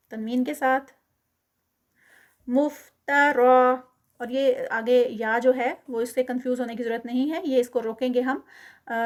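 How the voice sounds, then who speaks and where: A woman teaching Quran recitation. She chants each word slowly and louder, then explains each rule quietly and quickly. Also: on the high side. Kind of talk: recitation lesson, Urdu with English terms.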